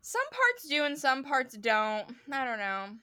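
A woman podcast co-host with a high-pitched, clear, resonant voice speaks slowly as she casually recaps a show. She's animated, acts out quotes from the people in it, and swears freely.

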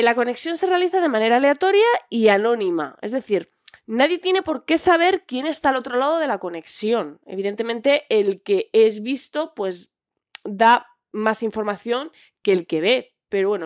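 A woman's voice: on the high side, no echo, clean studio sound. A woman, hosting a book recommendation podcast in a chatty, reflective way with frequent filler words. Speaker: podcast host.

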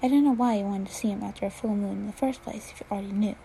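A woman's voice: mid-range voice, fairly even intonation, very fast, vocal fry, warm tone, slight background noise, close to an everyday voice, low-quality recording. A woman voicing a stern, cold matron with a clipped, nasal way of talking in a fan fiction reading. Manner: cold, curt. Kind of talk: fan fiction read-aloud.

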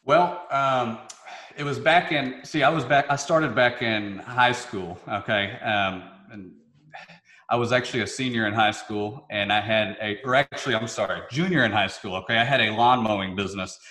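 A man's voice: mid-range voice, moderate pace, bright, forceful tone. A youngish man from Memphis with a Southern hillbilly twang, telling stories casually as an interview guest in a folksy, joking, informal way. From Memphis, southern United States. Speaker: podcast guest, real estate investor. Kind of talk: casual anecdotal interview talk. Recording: roomy, echoey sound.

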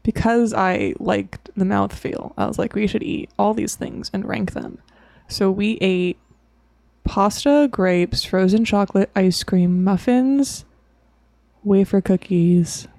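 Gravelly young woman telling stories. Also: medium pitch, takes it slowly, no room sound. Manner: animated storytelling, laughing at her own stories. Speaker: podcast guest. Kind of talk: casual chat.

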